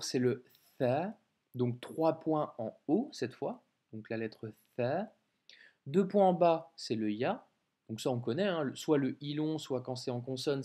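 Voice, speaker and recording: A man teaching how to read Arabic letters, talking the viewer through examples patiently and sounding out each syllable slowly. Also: medium pitch, a little mellow. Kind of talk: slow step-by-step lesson.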